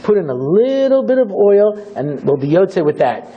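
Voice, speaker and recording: Brief: male rabbi lecturer, dramatic storyteller, high lively husky voice, muffled recording. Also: moderate pace. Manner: dramatic, theatrical, acts out scenes. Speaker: rabbi teaching a class. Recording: dull lo-fi recording.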